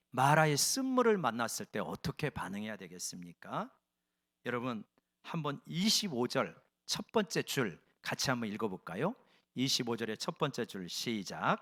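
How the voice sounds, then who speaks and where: A man's voice: medium pitch, a bit bright. A man preaching a sermon as a pastor in a church, emphatic and full of rhetorical questions to the congregation. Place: church sanctuary.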